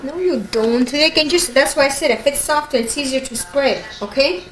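A woman's voice: high-pitched, moderate pace. A woman in a home kitchen giving bossy instructions, captured by a camcorder on an old VHS home video. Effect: old VHS tape home video. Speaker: home cook directing the cake icing. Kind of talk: casual home-movie chatter. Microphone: camcorder mic. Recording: hissy old VHS tape, echoey kitchen, from far off.

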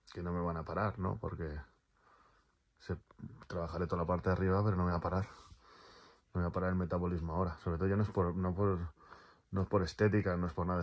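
A man rambling casually through a personal vlog, repeating words and swearing freely, in pain from a torn calf. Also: deep voice. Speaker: vlogger.

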